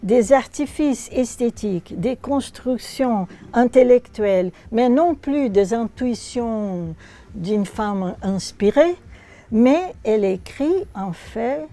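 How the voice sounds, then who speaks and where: A woman's voice: a little high, expressive, slow, warm tone. A woman, a native Portuguese speaker with a Brazilian accent, speaking reflectively at a bookshop event as the author presenting her book, searching for words and reading passages aloud.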